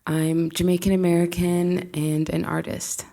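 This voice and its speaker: Low, mellow-voiced young woman. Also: flat delivery, measured pace, gravelly. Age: young adult. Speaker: student panelist. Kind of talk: panel discussion answers.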